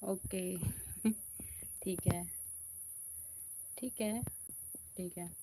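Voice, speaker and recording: A woman hosting a casual live stream in a quiet back room of a house, chatting and answering viewer comments. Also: on the low side, fairly even intonation, drawn-out words, background noise.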